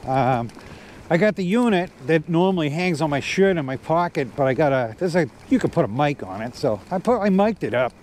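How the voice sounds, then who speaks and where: Animated and brisk, with a slightly high, darkish voice, this man in his fifties vlogs from his e-bike on an outdoor trail, rambling casually through fillers and restarts. A corded clip-on mic catches him, along with faint riding noise outdoors.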